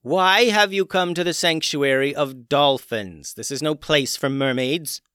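A man voicing a fierce, commanding female dolphin queen who yells her orders in a storybook tale. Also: on the high side, a little slow, clear, resonant tone, no echo, clean studio sound, voice pushed up. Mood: indignant. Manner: yelling, imperious.

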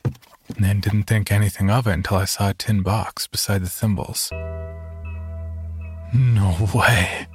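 A man narrating a first-person horror story in a measured, storytelling tone. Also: on the low side, level tone, a little mellow, faint music behind.

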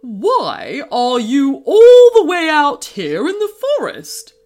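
A woman's voice: high-pitched, huge pitch swings, slow pace, a little mellow, voice pushed up, heavily acted. Woman voicing a playful, friendly dragon. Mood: teasing. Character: friendly, teasing male dragon, big and calm.

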